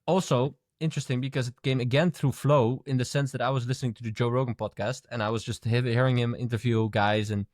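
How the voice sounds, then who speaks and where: A man's voice: mid-range voice, steady tone, fast talker, few pauses, darkish tone, no echo, studio quality. A man co-hosting a podcast in casual chat, thoughtful and musing as he talks. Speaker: podcast co-host.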